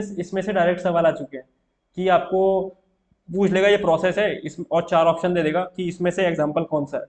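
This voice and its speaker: A young man teaching an exam-prep chemistry lesson in a casual way, often checking in with his students. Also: on the high side. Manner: casual, repeats "theek hai" often, writing on board.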